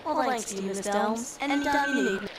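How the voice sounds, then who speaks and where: Loud crowd surrounds a woman acting an eager newsboy in a game. The lad's high voice is chirpy, cheeky and colloquial. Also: fairly quick, natural voice. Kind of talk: scripted video game dialogue.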